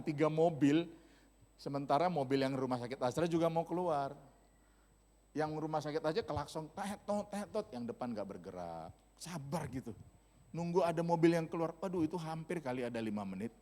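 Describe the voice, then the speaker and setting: A man's voice: medium pitch, mellow. A male pastor preaching a sermon, telling stories in a humorous, casual, slangy way. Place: church hall. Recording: long church-hall reverb.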